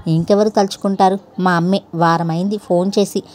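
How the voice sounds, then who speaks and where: A woman's voice: on the low side, fairly even intonation, fairly quick, darkish tone, lightly acted. A woman reading the lines of a humble, deferential young village housemaid in a storybook. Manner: respectful, self-effacing.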